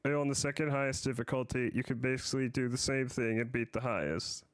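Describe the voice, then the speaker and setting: A man streaming a game in casual chat, easygoing, halting and apologetic. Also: medium pitch.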